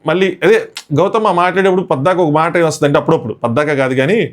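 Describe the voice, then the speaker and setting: A man recapping a reality show episode in a fast, breathless commentary, sprinkling English words into his storytelling. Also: on the high side.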